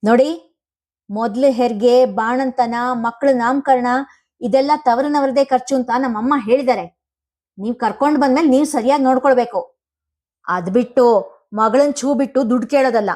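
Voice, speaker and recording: A woman's voice: on the high side, moderate pace, darkish tone, natural voice. A woman reading an angry, proud young husband. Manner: raised, resentful voice.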